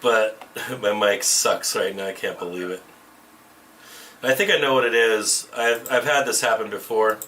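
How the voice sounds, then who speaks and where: A man talking bluntly on a livestream, his voice thin and tinny as if from inside a tin can. The camera mic sits a little away from him, giving a sharp, distant edge. He swears freely and keeps restarting his sentences. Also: on the low side, a little slow, a little hiss or hum. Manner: profane, blunt, restarts often. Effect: tinny tin-can sound from a camera mic. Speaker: livestream trading host. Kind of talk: casual livestream chat.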